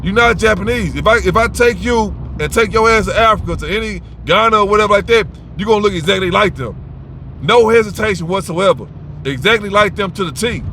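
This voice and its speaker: A man with a high, sharp-toned voice gives advice in a brisk, casual monologue that is clearly unscripted. He is blunt and rambling, swears freely, and keeps restarting his sentences, over slight background noise.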